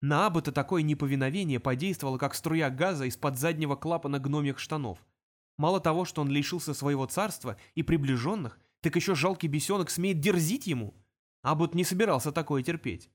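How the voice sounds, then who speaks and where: A man reads a fantasy story aloud in an even, steady storytelling voice. His pitch sits slightly high for a man. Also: fairly quick. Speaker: audiobook narrator. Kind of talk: scripted narration.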